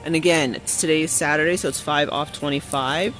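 Filming on his phone while strolling through a discount store, this male shopping vlogger raves about items and calls out prices and bargains. His voice is a little high, fairly quick and bright, with fairly even intonation, and soft music plays behind him.

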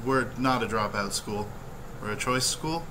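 Young male student interviewee, deadpan, lowish voice, clear room noise behind. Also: measured pace. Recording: clearly noisy room with hum.

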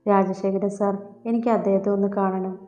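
An anxious, gentle young woman in an audiobook story, read by a woman, pleading earnestly. Her voice is dark and even, heard in a roomy, lo-fi recording with soft music behind. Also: mid-range voice, moderate pace, close to an everyday voice. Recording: echoey, dull lo-fi with soft music.

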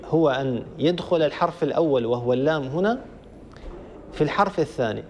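A man, a sheikh, giving a recitation lesson, slowly drilling examples and rising in pitch on questions. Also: lively intonation, a little mellow, a little hiss or hum. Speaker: sheikh teaching Quran recitation.

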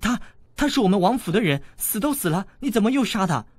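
Man putting on a high, timid princess girl for an audiobook, stammering pleas. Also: lively intonation, normal speed, no echo. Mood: pleading. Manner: stammering, pleading.

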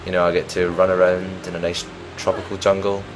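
A young man talks through a game he is playing, chatty and meandering, often laughing at his own mistakes. His voice sits low, and his relaxed home-recorded commentary carries a faint hiss underneath. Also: a little fast. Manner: chatty, rambling, self-mocking. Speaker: let's play gamer. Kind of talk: casual gameplay commentary.

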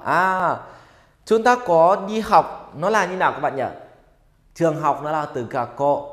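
A man teaching a grammar lesson in an upbeat way, asking students questions and having them repeat sentences. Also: fairly high pitch. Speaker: Japanese language teacher. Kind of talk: grammar lesson for Vietnamese learners. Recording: echoey room with long reverb.

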